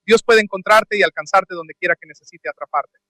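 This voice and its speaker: A man preaching a lively sermon in a church, asking the congregation questions and acting out the dialogue of the scripture figures. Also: sits high, a little fast, dry recording, poor audio. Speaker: pastor. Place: church sanctuary. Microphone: handheld or stand microphone.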